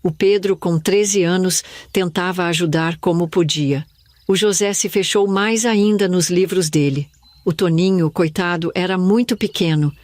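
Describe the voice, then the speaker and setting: A woman's voice: on the low side, unhurried, a little mellow, no room sound. Older woman narrating a somber memory. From Brazil. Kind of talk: scripted first-person narration.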